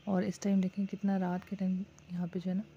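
Her voice is lowish, mellow and a bit rough, delivered completely flat at a quick clip. She's a woman from Pakistan giving casual vlog narration, addressing viewers with lots of "ji" while shopping in a nighttime bazaar and afterward at home. It's captured on a dull lo-fi phone with faint street noise.

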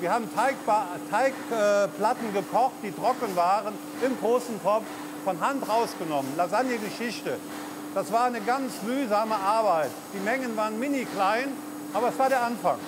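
A man in his fifties from the Eifel who heads a lasagna factory, explaining the production line in a relaxed way with fillers. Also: high voice, moderate pace, background noise. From Eifel region, Germany. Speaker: factory head. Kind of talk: on-site interview. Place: large food factory floor. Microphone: lapel mic. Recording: music underneath.

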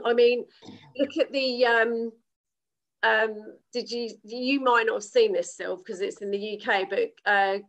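Woman, co-host, emphatic and earnest, somewhat high pitch, video call chat. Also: gravelly, a bit bright, muffled recording. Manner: earnest, emphatic, many restarts.

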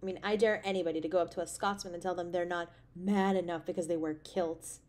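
Playing an affectionate girlfriend in an intimate roleplay audio piece, the actress is caring, playful, tender and expressive. Her natural voice is fairly low and quick, with a sympathetic, chatty feel.

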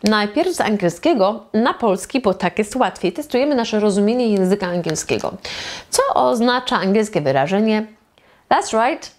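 A woman teaching English pronunciation, modeling short phrases very slowly, syllable by syllable. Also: medium pitch, lively intonation. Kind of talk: slow English pronunciation lesson.

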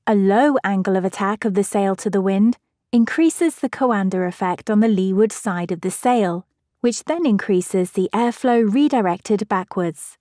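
Reading a scripted science explainer, this narrator uses a mellow, soft-edged, mid-range voice and an unhurried pace, keeping her clauses short and even. The recording is dry and close, with no surrounding room.

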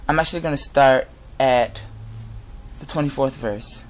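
Young man, mid-range voice, earnest halting delivery, informal sermon and scripture reading, close device mic in a garage. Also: mid-range voice, a little hiss or hum. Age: young adult. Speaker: inspirational speaker giving a Bible talk. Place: inside a garage. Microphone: device camera at close range.

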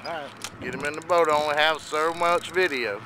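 A fishing video host with a fairly high, fairly quick voice gives playful, casual commentary while fishing from a small boat at sea. He speaks into a handheld camera in the open air, with a loud boat engine and outdoor noise around him.

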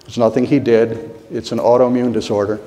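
A man's voice: mid-range voice, little pitch movement, brisk, warm tone. A middle-aged man preaching a sermon as pastor, earnest and heartfelt, often repeating his key phrases. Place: church sanctuary. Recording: long reverb of a church hall.

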